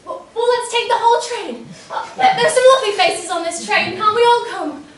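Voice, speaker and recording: A woman's voice: very high voice, fairly quick. A teenage girl acting a fragile young woman bidding emotional farewells in a school stage play. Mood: pleading. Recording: echoey school stage from far off.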